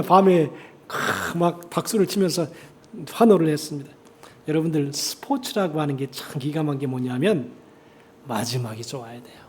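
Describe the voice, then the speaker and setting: A man's voice: high voice, a little mellow. A man preaching a church sermon as pastor, rising dramatically when he quotes scripture. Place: church sanctuary.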